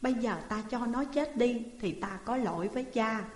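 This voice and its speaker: A woman's voice: fairly high pitch, moderate pace, a little mellow, natural voice. A woman reading a folk tale voices a husband who hesitates over harming his younger brother, speaking earnestly. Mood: hesitant. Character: torn older brother, a farmer husband. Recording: echoey reverberant room.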